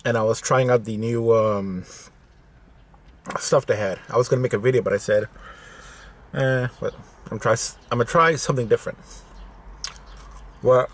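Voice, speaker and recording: A man in his forties chatting casually to camera in a food video, talking between bites as he eats crispy food inside a car. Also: medium pitch, normal speed, long pauses. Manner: talking with mouth full between bites while eating crispy fish and chips. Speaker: food vlogger. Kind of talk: casual eating-show chat to camera. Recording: noisy in-car camera audio.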